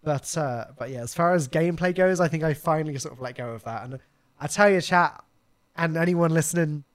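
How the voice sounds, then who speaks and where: A man's voice: fairly high pitch, fairly quick, no echo. A man hosting a live podcast, chatting casually, laughing often and talking with lots of fillers and restarts. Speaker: podcast host.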